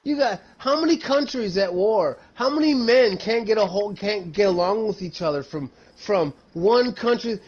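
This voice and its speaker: A man in his fifties telling stories and ranting casually, blunt and emphatic, with heavy swearing and slang. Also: high-pitched. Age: 50s. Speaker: storyteller. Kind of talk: casual, profane storytelling and ranting to a friend. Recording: dull lo-fi sound.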